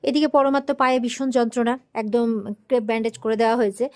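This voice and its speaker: A woman's voice: a little high, steady tone, quick pace, a little mellow. A woman retelling a TV serial episode, reading every character's lines in her own voice. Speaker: TV serial recap narrator. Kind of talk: fast storytelling recap.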